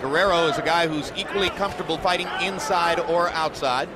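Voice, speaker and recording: Male fight commentator, high voice, articulate and detailed, over loud arena noise. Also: brisk, over a noisy crowd. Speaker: play-by-play boxing commentator. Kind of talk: live sports commentary.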